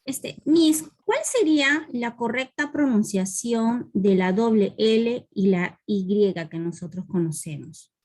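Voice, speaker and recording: A woman's voice: on the high side, slow pace, darkish tone. Rambling woman student asking at length. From Peruvian Amazon, Iquitos. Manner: long rambling question with many fillers. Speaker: student teacher in an online class. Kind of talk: asking a question in a video class.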